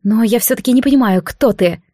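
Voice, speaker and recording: A young priestess, earnest and puzzled, as a woman reader plays her, her voice bright and fairly high but plain. The questions come out searching and sincere. The recording is dry and close. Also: a little fast, no room sound, natural voice. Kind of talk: audiobook character voice.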